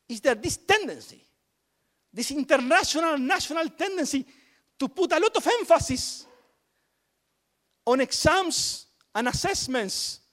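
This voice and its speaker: High-voiced man talking emphatically. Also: fairly bright tone. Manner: emphatic, repeats words for stress. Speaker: education policy speaker. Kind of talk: panel talk on inclusive curricula.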